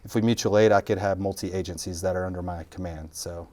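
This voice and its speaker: A man's voice: deep voice, steady tone, fast talker, a little mellow. A middle-aged man, a fire captain joking through a casual interview. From Texas Panhandle. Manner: joking, self-deprecating, talks while chewing.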